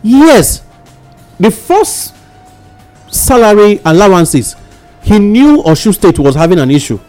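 A Nigerian man with a fairly high voice comments on current affairs on a radio show. He slips between English and Nigerian Pidgin, halting and repeating himself for emphasis. There is music behind him. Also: very animated, darkish tone. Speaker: radio talk show panellist.

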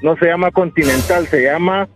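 A man's voice: on the high side, moderate pace. A Honduran man co-hosting a morning show, insistent and storytelling in casual banter. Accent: Honduran Spanish. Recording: music playing behind.

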